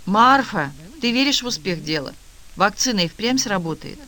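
A man reading the lines of a timid, grieving young mother who speaks quietly and plaintively. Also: high-pitched, expressive, normal speed, voice pushed up.

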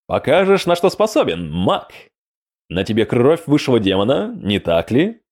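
A man's voice: mid-range voice, wildly swooping pitch, normal speed. A man voicing a young male cavalry demon who is eager, boastful and curious, exclaiming with delight as he speaks. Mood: intrigued.

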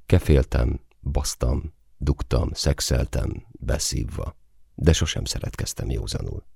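A man voicing a frank, teasing young woman in an audiobook, speaking softly. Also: rumbling low, lively intonation, gravelly, breathy edge, dry recording, clean studio sound, exaggerated voice. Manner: soft-spoken, frank. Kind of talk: audiobook character reading.

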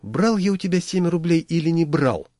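A man's voice: a little high, lively intonation, normal speed, warm tone, dry recording, voice pushed up, natural voice. A sly, scheming coworker, as a man puts him on in a storybook reading, his voice raised a little above the reader's own. He speaks in a wheedling, put-on way. The recording is dry. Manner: wheedling then falsely forgetful.

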